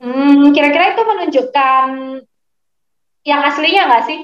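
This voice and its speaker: A woman teaching English online, explaining slowly and patiently to her students. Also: high voice. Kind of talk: online class lesson, mixing English and Indonesian. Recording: echoey, slightly muffled online lesson audio.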